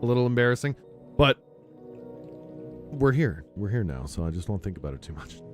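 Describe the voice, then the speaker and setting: A man streaming a game, chatting casually and rambling with frequent laughs into a close mic on a boom arm. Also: brisk, music in the background. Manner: rambling, relaxed, laughs often. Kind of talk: casual chat while gaming. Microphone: close studio mic on a boom arm.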